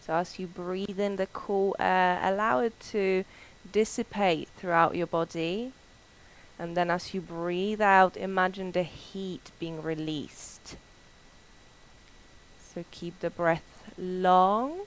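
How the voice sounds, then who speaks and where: A woman leading a yoga class, gently guiding the breath in a slow and soothing way, with soft pauses. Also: lowish voice, steady tone, low-quality recording. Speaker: yoga instructor. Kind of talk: guided breathing and meditation class.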